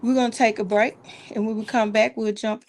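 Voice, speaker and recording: A woman hosts a casual talk show. Her delivery is folksy and animated, and she repeats words for emphasis. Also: on the high side, a little fast. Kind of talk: casual live call-in style chat.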